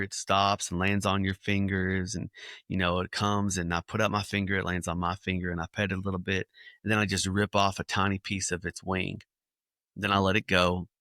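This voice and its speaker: A man, a children's ministry speaker, telling lively illustrative stories in a podcast interview. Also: low voice, dry recording, clean studio sound. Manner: animated storyteller acting out scenes.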